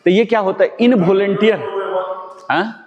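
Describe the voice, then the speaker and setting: A male yoga instructor leads a group class in a slightly high voice. He gives step-by-step commands and often asks the class questions. His words hang in a long, echoing reverb. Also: fairly even intonation, moderate pace, a little mellow, muffled recording. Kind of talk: guided exercise class.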